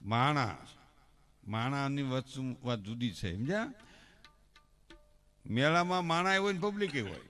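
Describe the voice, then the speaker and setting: A man's voice: medium pitch, lively intonation, unhurried, long pauses, fairly bright tone, soft background music. A middle-aged man with a Kathiawadi Gujarati accent telling folksy comic stories on stage at a religious festival, speaking into a stage microphone and acting out the villagers he quotes. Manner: folksy, addresses the crowd as elders, acts out quoted villagers. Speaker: folk stage performer and joke-teller. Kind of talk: live stage comedy storytelling. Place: religious festival pavilion before a crowd. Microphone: stage microphone on a stand.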